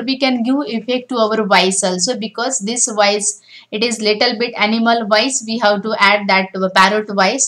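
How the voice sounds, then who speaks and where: Over a screen recording, a woman guides beginners through a coding lesson one step at a time, frequently beginning with "now." Her voice sits on the high side and sounds fairly bright, though the audio quality is rough.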